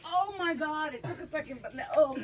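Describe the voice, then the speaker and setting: A woman's voice: high voice, a little fast, a crowd in the background. A woman chatting casually in slangy exclamations as she eats sour candy. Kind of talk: casual chat while tasting sour candy. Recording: noisy, muffled, distant home recording.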